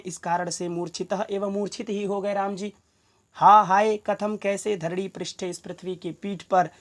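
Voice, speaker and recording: A woman teaching a Sanskrit play, reading each verse slowly and then explaining it in plain talk, often asking rhetorical questions. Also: medium pitch.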